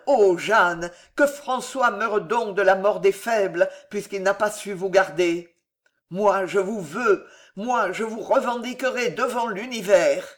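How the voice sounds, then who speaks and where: A man with a high voice reads aloud, voicing a passionate, desperate young nobleman through intense, forceful declamation.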